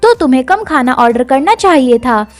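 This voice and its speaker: A woman doing a quick-tempered young noblewoman. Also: sits high, lively intonation, soft background music. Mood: exasperated. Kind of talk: manhwa recap voice acting.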